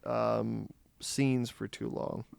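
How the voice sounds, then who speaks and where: Young guy cohost rambling about movies, lots of likes and ums, gravelly but smooth voice, dry sound. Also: mid-range voice, flat delivery, a little mellow, no room sound. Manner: halting, filler-heavy, trails off. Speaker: podcast co-host. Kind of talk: casual movie review chat.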